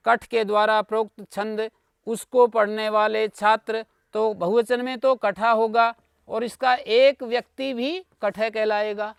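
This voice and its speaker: A man's voice: very high voice, gravelly, a bit bright, clear, resonant tone, no room sound, clean studio sound. A man teaching Sanskrit grammar in an online class, patiently explaining and checking in with his students. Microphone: video call.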